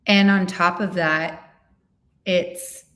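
A woman guest on a chat podcast, speaking slowly in a slightly low voice. She tells stories animatedly and acts out what others said. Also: steady tone, a bit bright. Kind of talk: casual chat.

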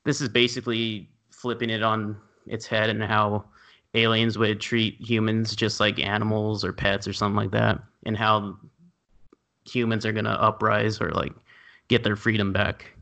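A man co-hosting a casual podcast, relaxed and loosely searching for words as he describes films. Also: lowish voice, normal speed, vocal fry. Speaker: podcast co-host. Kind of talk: casual chat.

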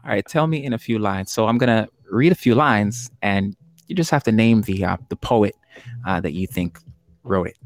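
A man's voice: on the low side, moderate pace, no room sound. A man hosting an online trivia game show for poets, chatty and jokey, laughing often.

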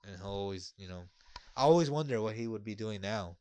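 A man in casual conversation, telling stories in a relaxed, rambling way with lots of fillers. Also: fairly low pitch, brisk, smooth, dry recording. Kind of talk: casual chat.

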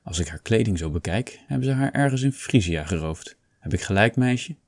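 A man puts on a sneering, leering slaver, lifting his low, husky voice a little higher. The tone stays sly and mocking, close and dry. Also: lively intonation, a little fast, no room sound.

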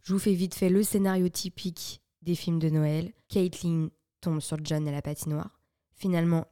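Young woman, podcast host. Low-pitched, mellow voice with a dry sound. Playful, chatty and self-mocking. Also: no echo. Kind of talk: casual chat.

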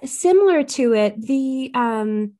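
A woman's voice: fairly high pitch, expressive, slow pace, mellow. Chatty woman guest with frequent ums. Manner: chatty, many ums, enthusiastic. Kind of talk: casual podcast interview.

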